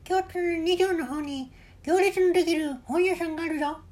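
A tiny storybook snail, acted out by a man, speaks in a very high, pinched voice with a jutting-chin twang. It is curt and bossy, handing out blunt advice in stiff old-fashioned phrases. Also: fairly even intonation, moderate pace, a little mellow. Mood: bossy, advising.

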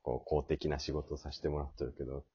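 A man in his late thirties hosting a casual comedy podcast, telling stories about his school days in a chatty, lively way. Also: a bass voice, quick pace, slightly rough, muffled recording. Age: late 30s. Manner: storytelling, lively reminiscing. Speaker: comedy duo podcast host. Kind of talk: casual chat.

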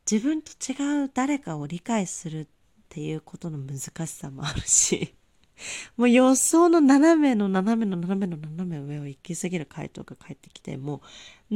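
A woman hosting a podcast, telling a story in a casual, animated and exasperated way, full of rhetorical asides. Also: mid-range voice, no echo, studio quality. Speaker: podcast host. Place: abroad in Southeast Asia.

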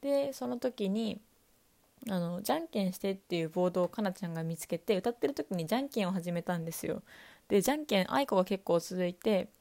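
A young woman from the Kanto region hosts a solo talk, speaking calmly and casually as if to friends listening. Her voice is mellow and warm, sitting in an ordinary middle pitch. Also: fast, vocal fry. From Kanto, Japan. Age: young adult. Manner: calm, casual, talking straight to listeners. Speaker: university student podcaster. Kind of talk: solo chatty monologue.

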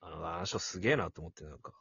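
Man, playful teasing banter, husky voice, dry dull recording. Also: sits low, racing, bright, forceful tone, no echo. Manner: playful teasing, bursts of laughter. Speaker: podcast co-host. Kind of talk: casual joking chat.

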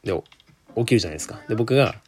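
A man's voice: lowish voice, expressive, racing. A young man, telling a work story in a chatty solo monologue full of asides. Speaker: solo podcaster. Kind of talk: casual monologue.

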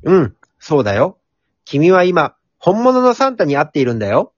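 A man acts out a jolly, earnest Santa in a comedy radio drama. The voice sits high and moves around a lot, theatrical yet polite. The recording is slightly dull and very dry. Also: sing-song, normal speed, no echo. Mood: kindly, playful.

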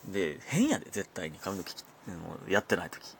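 A man's voice: low voice, sing-song, fairly quick, creaky, a bit bright, a little hiss or hum. A man with a Kansai accent hosting his own casual solo talk show, chatty and often laughing as he talks. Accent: Kansai Japanese. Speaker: comedian podcast host.

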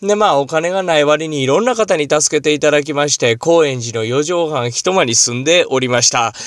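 A man's voice: fairly high pitch, fairly quick, no echo. Man with a Kansai accent telling stories alone, dry and close. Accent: Kansai Japanese. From Kansai region of Japan. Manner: polite formal phrasing mixed with casual dialect. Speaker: podcast host. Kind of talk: solo monologue storytelling.

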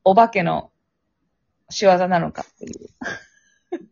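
Her voice sits on the low side, slow and a bit mellow with vocal fry. The young Kansai-accented woman co-hosts a podcast, casually telling a spooky story with frequent laughter and acted-out phone voices, all in a dull lo-fi phone-app recording.

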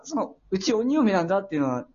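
A young male host tells a story in a polite, halting way, often stopping to gather his words. His voice is husky and moves freely up and down in pitch. The recording is dull and lo-fi. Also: big pitch swings, darkish tone. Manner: hesitant and polite, full of pauses and filler. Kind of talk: casual radio talk, storytelling.

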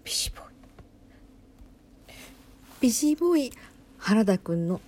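A woman talks quietly to her listeners while she watches a livestream, often dropping into a breathy half-whisper. Her voice is dark and mellow, with a husky edge. She reacts aloud in a chatty way, close to a phone mic. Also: fairly high pitch, big pitch swings, normal speed. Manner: speaks softly in hushed whispers. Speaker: podcast host watching a livestream. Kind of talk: casual live commentary, half whispered.

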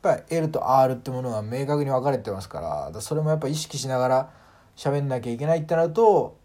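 Guy talking solo on his own show, chatty and lively, voice swings up and down a lot, lots of um and like. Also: mid-range voice, fast. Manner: animated, demonstrates sounds, frequent fillers. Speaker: podcast host. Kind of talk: casual solo talk.

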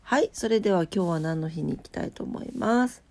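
Fairly low and a little mellow, with vocal fry, a woman's expressive voice moves briskly yet sounds nasal, blocked-up and drowsy. Hosting a daily morning weather and today-in-history show, she mixes casual chat with reading weather and trivia notes in a sleepy, unpolished way.

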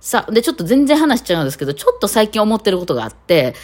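Kansai-accented woman host, rapid chatty delivery with fillers, lively pitch swings. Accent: Kansai, Kitakawachi dialect. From Kitakawachi area of Osaka, Japan. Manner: rapid rambling talk full of fillers. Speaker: podcast host. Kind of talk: casual solo chat.

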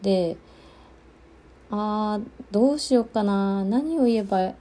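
Chatty woman from Okinawa, dark voice. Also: medium pitch. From Okinawa, Japan. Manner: chatty, many fillers and pauses. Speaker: podcast host. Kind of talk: solo casual talk.

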